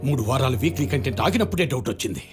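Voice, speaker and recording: Angry would-be father-in-law, played by a man. Quick, animated, shouting, music behind. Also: medium pitch, lightly acted. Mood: accusing. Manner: shouting, accusing. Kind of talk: film acting.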